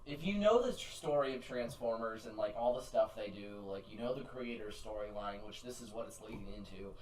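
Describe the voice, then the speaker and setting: A man's voice: mid-range voice, animated, a little fast, darkish tone, recorded from a distance. A man in casual podcast chat, talking loosely with many "like"s and frequent swearing. His voice sits a little back from the mic in an echoey room with a faint background hum. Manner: rambling, profane, many fillers. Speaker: podcast co-host.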